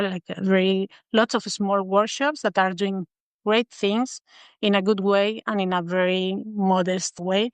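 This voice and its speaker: A woman from Spain with a Spanish accent, a guest in a podcast interview who speaks thoughtfully and fills her pauses with "uh". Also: medium pitch, clean tone, no room sound. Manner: thoughtful, many filler pauses. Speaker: guest designer.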